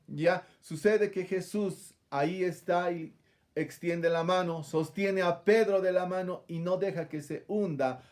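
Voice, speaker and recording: A man's voice: sits high, a little mellow. A man preaching a sermon, retelling a scripture passage and calling his listeners brother, with frequent rhetorical questions.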